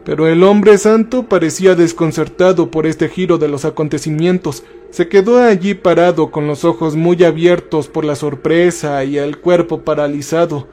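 A man's voice: fairly high pitch, steady tone, moderate pace, hardly any pauses, mellow. A man narrating a first-person horror story, switching into raised voices for the characters.

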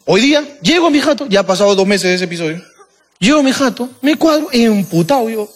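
A young man telling a story in casual chat, profane and animated, acting out scenes. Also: sits high, quick pace. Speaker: podcast co-host telling a story.

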